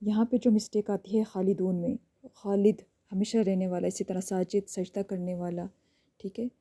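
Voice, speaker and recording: A woman teaching an online lesson, explaining step by step and checking in often with a quick "okay". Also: medium pitch, level tone, mellow.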